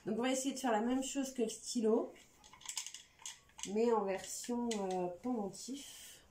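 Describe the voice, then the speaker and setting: A woman's voice: on the high side, a little slow, dark tone. A woman with a slight lisp on her s sounds, chatting informally through a hands-on craft tutorial as its host. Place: indoor room at a craft table. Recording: echoey room, faint background noise.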